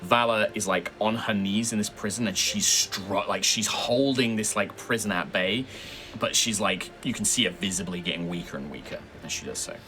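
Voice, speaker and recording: A man's voice: fairly low pitch, moderate pace, sharp tone, soft background music. A man improvising dramatic, descriptive narration as game master of a tabletop game.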